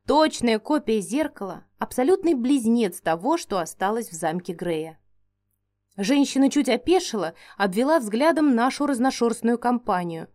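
Woman audiobook narrator, higher voice, steady first-person reading.

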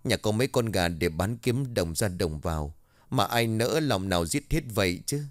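A man's voice: on the low side, expressive, normal speed, no echo, faint music behind, natural voice. A man voicing an anxious middle-aged farmer's wife in a village story. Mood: distressed. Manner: anxious, pleading.

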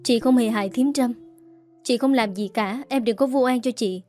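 A woman's voice: fairly high pitch, normal speed, darkish tone, soft background music, lightly acted. A woman voicing a wronged young wife who pleads in a choked voice. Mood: pleading.

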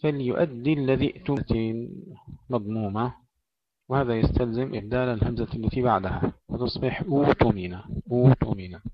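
A man teaching Quran recitation, moving between slow melodic recitation and brisk spoken explanation of pronunciation. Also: mid-range voice, no room sound, muffled recording.

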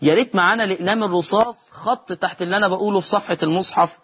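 In a televised lesson, a man with an Egyptian Arabic accent teaches Quran recitation, speaking patiently to viewers. He slows to chant example words before explaining each rule, and his voice sits high, a bit bright and slightly rough.

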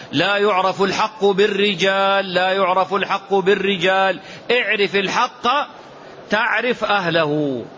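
A man's voice: sits high, fairly bright tone, a little hiss or hum. Emphatic man teaching a religious lesson. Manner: emphatic, repeats phrases, stretches out quoted verses. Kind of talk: religious lesson explaining a poem. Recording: dull lo-fi lecture recording with faint ambience.

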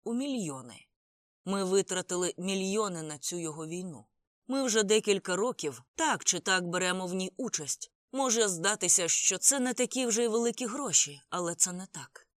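An audiobook reader voicing a grieving older male crime boss, pleading and agitated in a raised, higher voice. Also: sing-song, a little fast, no room sound, studio quality, close to an everyday voice. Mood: agitated lament. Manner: pleading, agitated, tearful speech.

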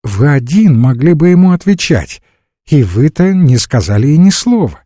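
A man's voice: fairly high pitch, sing-song, moderate pace, dark tone, dry recording, clean studio sound, pitched above the performer's own voice. A man reading an audiobook voices a poised, inquisitive provincial noblewoman with pointed questions. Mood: probing.

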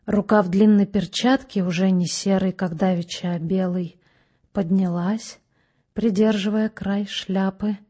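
Female audiobook narrator, measured and expressive, with a dark, husky voice. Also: mid-range voice.

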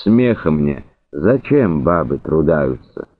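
A man voicing a sorrowful male cart driver who speaks slowly and mournfully. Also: rumbling low, sing-song, exaggerated voice. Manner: sorrowful, slow. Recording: narrow phone-like sound.

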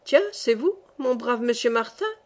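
A woman's voice: a little high, expressive, a little slow. A woman voicing a kindly old male saint who keeps the gate of heaven, speaking in a genial, reassuring way.

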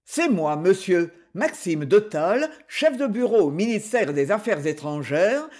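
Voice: medium pitch, big pitch swings, a little slow, darkish tone. A narrator voicing a small, fidgety official with unctuous, fussy politeness, in an audiobook.

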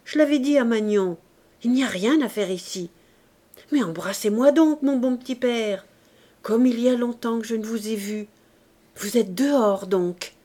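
Brief: woman reader plays a spoiled, coaxing young street girl, raised bright voice. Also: on the high side, moderate pace, lightly acted. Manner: childish, wheedling coaxing.

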